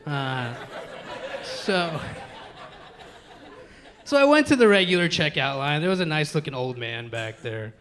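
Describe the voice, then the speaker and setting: A man's voice: a little high, sing-song, measured pace, pauses often, fairly bright tone. A man from the United States doing a live stand-up set in a comedy club, profane and talking straight to the crowd as folks.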